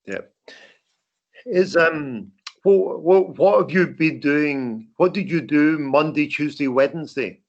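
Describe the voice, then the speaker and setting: An older man with a broad Scottish accent giving an informal talk as a veteran journalist, halting and repeating words. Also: on the high side, gravelly. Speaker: veteran journalist, guest speaker. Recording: dull lo-fi call audio.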